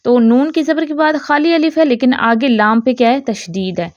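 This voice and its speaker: A slightly high-pitched woman teaches pronunciation in a steady lesson, breaking each rule into small steps and checking that students follow. She draws out recited example words slowly. The recording is dry and a bit dull. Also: no room sound. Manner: explains step by step, keeps checking with "theek hai". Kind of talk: online tajweed lesson.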